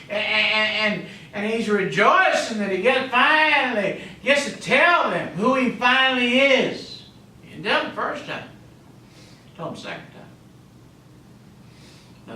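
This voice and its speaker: Male pastor, sermon delivery, fairly high and sharp tone, booming then hushed, sanctuary echo. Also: slight background noise. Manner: swings between loud emphatic calls and quiet asides; peppers speech with "you know" and "amen". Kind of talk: preaching a sermon. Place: church sanctuary. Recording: echoey church, mic at a distance.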